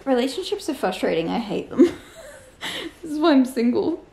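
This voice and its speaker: A young woman with an Australian accent talks in a loose, frank way, sprinkling in swear words and fillers. Her voice sits a little higher than most women's. The sound bounces around a roomy space at home. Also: big pitch swings, normal speed, vocal fry, dark tone. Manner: chatty, frank, swears freely, lots of filler likes. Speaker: book vlogger. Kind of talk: casual reading vlog chat. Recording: roomy echo.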